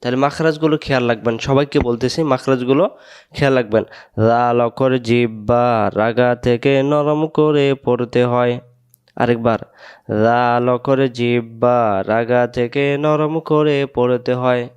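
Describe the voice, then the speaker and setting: A man with a Bangladeshi Bengali accent, teaching Quran letters and their pronunciation in a slow lesson where he drills each sound and asks the class to repeat it. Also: mid-range voice, steady tone, a little mellow, clear, resonant tone, dull audio.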